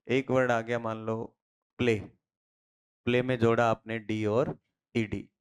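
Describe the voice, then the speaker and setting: A man's voice: mid-range voice, little pitch movement, unhurried, smooth. A man from India teaching pronunciation in a classroom lecture. He asks his students questions, answers them himself and drills the key phrases again and again. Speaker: English teacher.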